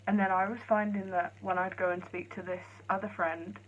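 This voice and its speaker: A woman talks quietly and chattily to her vlog viewers, her thoughts rambling from one thing to the next. Her voice sits at an ordinary pitch. The sound comes through a phone camera and is dull and lo-fi. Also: flat delivery, brisk. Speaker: vlogger. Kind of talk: casual vlog chat. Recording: lo-fi phone audio.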